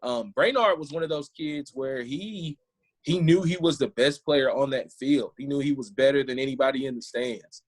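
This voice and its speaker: A man's voice: mid-range voice, normal speed, husky. A man who is a head football coach, a podcast guest telling stories in an easygoing, casual way. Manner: easygoing storyteller. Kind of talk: casual interview chat.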